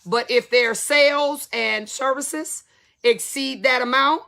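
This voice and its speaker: A woman's voice: sits high, slow, gravelly, sharp tone. A woman in her fifties, a salon business educator, talking candidly and emphatically to her viewers in casual slang. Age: 50s.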